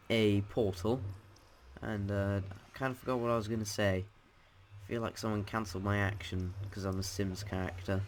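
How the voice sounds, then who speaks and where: A man's voice: on the low side, a bit bright. A man giving casual, sarcastic commentary while showing off a game mod, jumping between dry asides and sudden alarm. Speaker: YouTuber showcasing a game mod.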